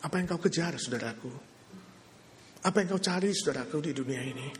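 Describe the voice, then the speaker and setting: A man's voice: on the high side, quick pace, a little hiss or hum. A male preacher telling a story in a sermon, dramatic, questioning his listeners and building on repetitions, in a hall with long reverb.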